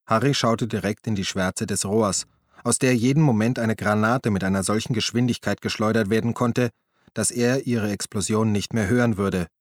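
A man narrating an audiobook in a steady, measured storytelling manner. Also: lowish voice, no room sound, studio quality. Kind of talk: scripted narration.

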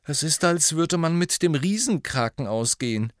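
A man's voice: a little high, expressive, normal speed, dry recording, voice pushed up, natural voice. Brief: a glum, complaining teenage boy, somewhat raised, read by a man, dry sound. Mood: gloomy. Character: teenage schoolboy, gloomy and grumbling.

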